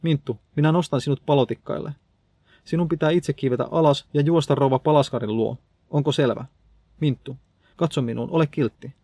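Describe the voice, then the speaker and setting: A man reading a gruff, defiant house cleaner. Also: on the high side, dark tone, dry recording. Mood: urgent coaxing. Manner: blunt, scolding.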